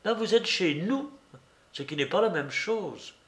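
A man's voice: high-pitched, expressive, measured pace, fairly bright tone, voice pushed up, exaggerated voice. A man doing a sarcastic, insolent young clerk. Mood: mocking. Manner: sarcastic, needling. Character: insolent young male clerk, mocking and cold-hearted.

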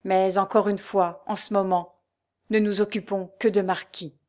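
Woman reader as earnest captain, measured, persuasive, storybook. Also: mid-range voice, little pitch movement, darkish tone, natural voice. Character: man, earnest steady captain.

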